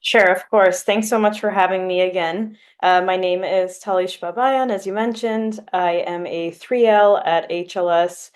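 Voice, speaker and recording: Her voice is lowish and steady, her pace measured with few pauses. She's a twenty-something Californian law student from Glendale, US, responding to an interview in a sincere, explaining way, now and then using fillers.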